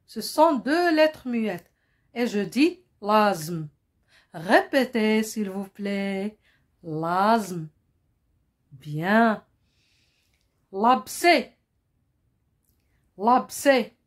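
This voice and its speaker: Slow, patient woman teaching. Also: mid-range voice, animated. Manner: drills words and asks pupils to repeat; switches into Moroccan Arabic to explain. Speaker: French teacher. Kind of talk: slow classroom-style lesson.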